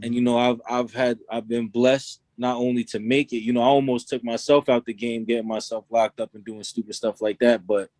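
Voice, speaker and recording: A young man from Long Island, New York, appears as a rapper guest in a casual interview, talking loosely and often dropping "you know what I'm saying." His mid-range voice has a darkish tone and a flat delivery. He speaks briskly with few pauses, and there's no echo.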